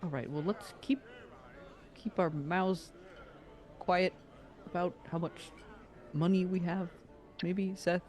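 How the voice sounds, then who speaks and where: A man with a notably high-pitched voice plays in a tabletop role-playing game. He improvises conversational dialogue in the part of a parent. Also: fairly even intonation, takes it slowly, long pauses, darkish tone.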